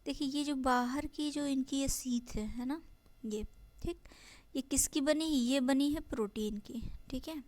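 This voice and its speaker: A biology teacher with an Indian accent works through exam notes in an exam-prep lesson, her voice high-pitched with a darkish tone on a dry recording. She reads English lines slowly, explains them in Hindi, and often poses and answers her own questions.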